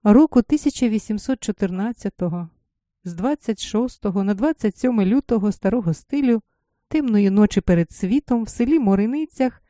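A woman giving a solemn, expressive scripted reading of a literary story. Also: mid-range voice, brisk, no echo, clean studio sound. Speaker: narrator.

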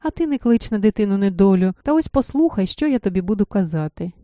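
A woman voicing an old village midwife who speaks in a hushed, mysterious storytelling way. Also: mid-range voice, lively intonation, fast, no echo, studio quality, lightly acted.

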